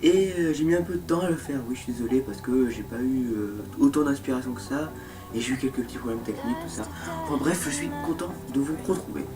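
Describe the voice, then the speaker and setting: Casual and sarcastic, this young host of a horror game review show tosses mocking asides into his scripted video commentary. He speaks at a medium pitch, animated and quick, far from the microphone, with music in the background.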